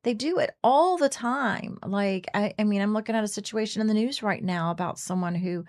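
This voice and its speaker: On a faith radio talk show, a middle-aged co-host speaks earnestly in casual discussion, restarting sentences often and acting out what others said. Her medium-pitched voice is a little mellow and fairly quick.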